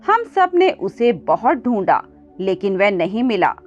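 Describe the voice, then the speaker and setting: Lady voicing a young village guy, apologetic, a bit lower and quicker, dull lo-fi sound. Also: big pitch swings. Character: young village man, evasive and sorry. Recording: dull lo-fi with faint music.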